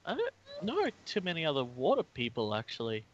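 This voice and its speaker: A man's voice: fairly high pitch, wildly swooping pitch, brisk. A man in a casual podcast panel, joking and easygoing, keeping the tally. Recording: dull, dry lo-fi audio.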